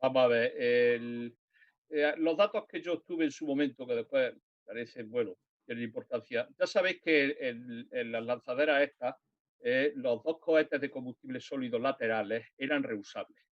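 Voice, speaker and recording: A man's voice: medium pitch, moderate pace, no echo. A man on a live science panel, explaining technical details step by step. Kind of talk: live stream panel talk. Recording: dull, dry sound.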